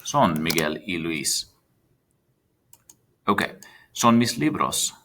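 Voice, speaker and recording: A man's voice: low voice, sing-song, slow pace, vocal fry, pushed and bright, a little hiss or hum. A man teaching a recorded Spanish lesson, chatty and checking in with his students as he types. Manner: chatty, checks in with students, talks while typing.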